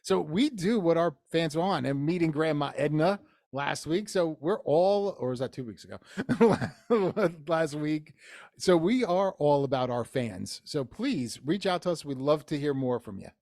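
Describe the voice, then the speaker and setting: A man's voice: a little high, animated, a little slow, creaky, a little mellow, no room sound, clean studio sound. A man co-hosting a casual podcast, joking about himself and rambling a little as he talks. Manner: self-deprecating, jokey, rambling. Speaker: podcast co-host.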